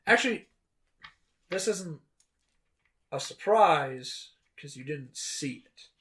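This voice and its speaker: A man's voice: on the high side, expressive, slow pace, fairly bright tone. A man narrating as dungeon master of a tabletop game, loose and rambling with many fillers.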